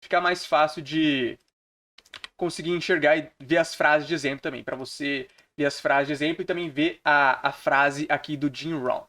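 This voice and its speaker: A man from Brazil teaching English phrases in a screen-recorded lesson, repeating each example slowly and deliberately. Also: fairly high pitch, steady tone, bright, forceful tone.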